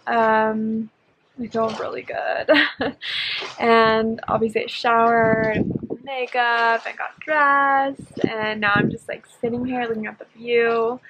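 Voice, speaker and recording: A woman's voice: on the high side, a bit bright, muffled recording, slight background noise. A young woman vlogging casually to a handheld camera outdoors, bubbly and giggly, with many "like" fillers. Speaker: travel and fitness vlogger. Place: outdoors at a lake and in the mountains.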